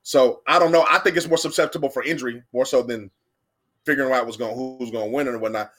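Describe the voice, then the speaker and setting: A young adult man co-hosts a casual sports debate podcast, rambling and repeating himself and getting animated as he argues his predictions. He talks fast at a medium pitch.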